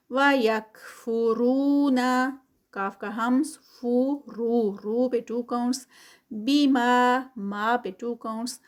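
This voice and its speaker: Fairly high-voiced woman teaching recitation. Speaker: Quran teacher. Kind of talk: tajweed lesson with recitation.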